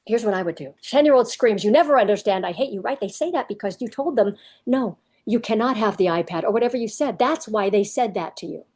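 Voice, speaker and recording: Husky woman coaching parents. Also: fairly high pitch, lively intonation, brisk, hardly any pauses, darkish tone. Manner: emphatic, addresses parents directly. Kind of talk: direct-to-camera parenting advice.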